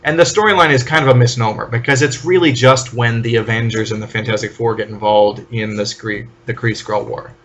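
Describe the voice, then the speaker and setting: Animated man chatting about comics. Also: medium pitch, lo-fi sound, a little hiss or hum. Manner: animated, acts out characters' lines in quick asides. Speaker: podcast co-host. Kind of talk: casual comic book discussion.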